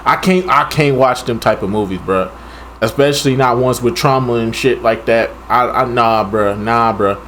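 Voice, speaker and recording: A man's voice: medium pitch, normal speed, a bit bright, slight background noise. A man co-hosting a movie reaction, ranting casually and ending his sentences with "man" or "bro.". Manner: ranting, repeats "man" and "bro" at line ends.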